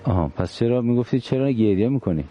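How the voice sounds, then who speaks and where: A man's voice: mid-range voice, animated, dark tone, husky, muffled recording, soft background music. A man hosting an interview, asking precise questions and pressing for exact details. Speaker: interviewer host. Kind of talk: probing studio interview.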